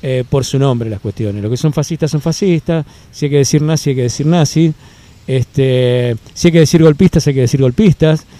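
A man's voice: fairly high pitch, dark tone, no room sound. Argentine man speaking in a park. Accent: Rioplatense Spanish. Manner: measured, many fillers and restarts, emphatic lists. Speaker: interviewee. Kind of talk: political interview answer. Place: outdoors in a city park. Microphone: handheld mic held by interviewer.

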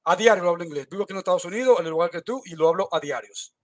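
A man with a fairly high voice argues hard in an online debate. He throws out challenges, accuses his opponent and repeats his points again and again. He talks over what sounds like a video call. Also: rapid-fire.

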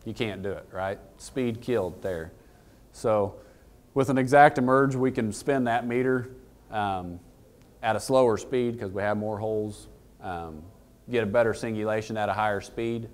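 Speaking at a moderate pace in a lowish register, a thirtysomething man who deals in equipment presents a relaxed technical talk to a conference-room audience. His style is folksy and plain, with frequent questions aimed at the listeners.

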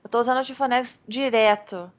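A Brazilian woman teaching English over a video call, modeling words slowly and encouraging her student. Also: fairly high pitch, fairly even intonation, highs cut off. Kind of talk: online pronunciation lesson in Portuguese.

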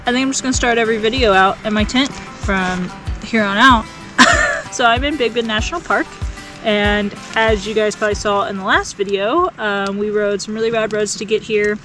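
A woman's voice: medium pitch, moderate pace, a bit bright, low-quality recording. Upbeat young woman vlogging over music. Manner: upbeat, chatty, laughs easily. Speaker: motorcycle travel vlogger, host. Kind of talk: casual vlog chat to camera. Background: background music.

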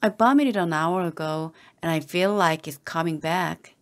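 Calm and careful, a woman with a fairly low pitch reads practice lines as an English teacher. Each model sentence comes out slow and deliberate, said identically over and over so learners can imitate it.

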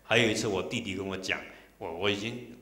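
A middle-aged male monk tells personal stories in an emotional dharma talk and acts out each exchange. His voice sits low, and it echoes through a temple hall. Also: a little fast, pushed and bright. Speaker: Buddhist monk. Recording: roomy hall echo.

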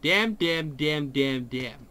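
A man's voice: a little high, lively intonation, slow, sharp tone. A man chatting casually while playing a game, playful and full of exclamations. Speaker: gamer. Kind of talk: casual gaming chat. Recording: faint background noise.

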